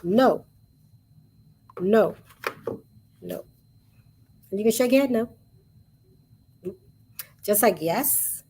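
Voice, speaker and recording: A woman teaching sign language in an online webinar, patiently repeating each word softly as she shows the signs. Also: mid-range voice, lively intonation, extremely slow, long pauses, a little hiss or hum.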